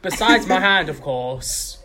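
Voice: mid-range voice, animated, takes it slowly, a loud crowd. Hesitant tabletop player. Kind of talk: casual tabletop play.

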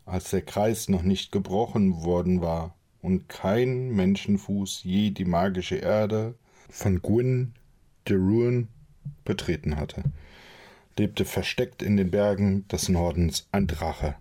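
A man reading a fantasy novel aloud as an audiobook narrator, calm and measured. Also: deep voice. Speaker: audiobook reader.

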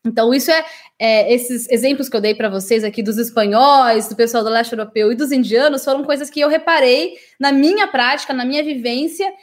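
A Brazilian woman with a fairly high voice talks her viewers through an English lesson in a casual, chatty way. She keeps checking in with little tag questions and sounds out English words to show how they are said. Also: a little fast. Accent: Brazilian Portuguese. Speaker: English teacher.

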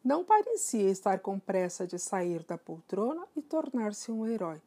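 Gravelly expressive woman storyteller. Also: medium pitch, moderate pace. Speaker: narrator. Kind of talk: audiobook reading of a children's story.

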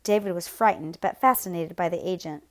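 A woman narrating a novel aloud in a steady, measured, grave storytelling voice. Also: fairly low pitch. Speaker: audiobook narrator.

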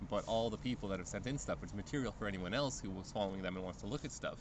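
A man with a fairly low voice in a casual podcast conversation, working ideas through aloud and asking probing questions. Steady background noise with passing vehicles sits under his voice. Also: racing. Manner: thoughtful, probing, asks many questions. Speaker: podcast co-host.

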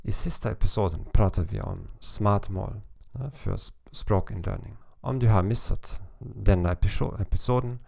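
A man hosting a language-learning podcast, talking in a halting, careful way with frequent pauses. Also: fairly low pitch, gravelly, warm tone, no echo, studio quality. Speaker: podcast host and language teacher. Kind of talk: informal podcast monologue.

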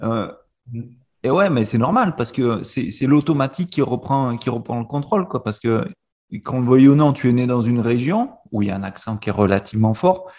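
A male host leads a relaxed conversation in a middle-pitched voice. He stammers and repeats small words as he shapes his questions. His talk is loose and conversational. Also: fairly quick. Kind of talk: casual conversation.

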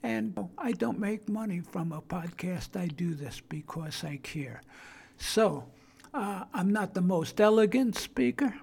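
Older female podcast host, Brooklyn accent, creaky husky voice, halting plain-spoken delivery. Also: fairly low pitch, animated, a little mellow. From Brooklyn, New York. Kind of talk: informal solo podcast talk.

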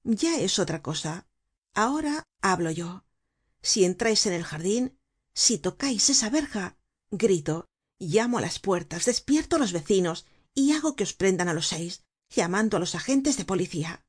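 A woman's voice: animated, moderate pace, husky. A woman reading as Eponina, a fierce defiant girl. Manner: firm, low and defiant. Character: fierce ragged young woman defying bandits. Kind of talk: audiobook character reading.

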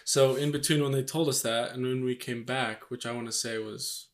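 A young man and expectant father chatting casually on camera in a relaxed, joking way with many fillers, "like" and "you know". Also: medium pitch, normal speed. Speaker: vlog co-host, expectant father. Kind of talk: casual couple chat to camera. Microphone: microphone on camera.

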